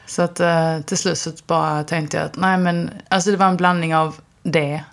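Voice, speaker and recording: A woman actress speaking candidly as an interview guest, in a relaxed way with many fillers. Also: deep voice, gravelly. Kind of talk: casual storytelling conversation.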